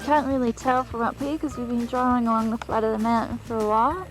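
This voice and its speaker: A woman narrating a van trip in a wry, gently mocking way, heard through old VHS camcorder tape audio. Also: a little high, fairly even intonation, quick pace, soft background music, rough recording. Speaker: traveller narrating a road trip. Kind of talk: casual home-video narration. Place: in a van on mountain roads. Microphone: camcorder mic.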